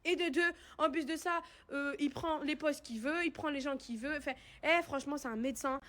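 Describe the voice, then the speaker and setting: A woman's voice: high voice, a little fast, fairly bright tone. A young woman telling her followers a personal story in a casual, indignant, slangy way, with emphatic retelling.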